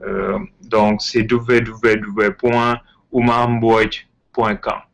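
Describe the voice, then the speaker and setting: Slow, hesitant man with an English-tinged French accent. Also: fairly low pitch, level tone, gravelly, rough recording. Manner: hesitant, many fillers and repeats; enthusiastic. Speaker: history channel host. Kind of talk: casual spoken lecture. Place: Ontario, Canada.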